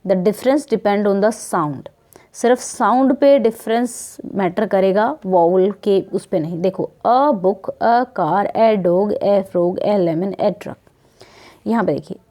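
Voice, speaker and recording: Slow, mellow-voiced Indian woman teaching. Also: fairly high pitch. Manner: repeats words slowly, keeps checking with "theek hai". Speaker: English teacher. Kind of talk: worksheet lesson explained in Hindi.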